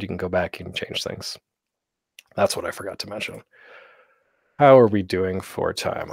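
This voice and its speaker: A man hosting a convention panel as an online presentation, explaining with frequent um fillers and sometimes speaking in a deliberately staccato way into a gated desk microphone. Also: lowish voice, creaky, darkish tone, breathy edge, dry recording, studio quality. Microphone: desk microphone with a noise gate.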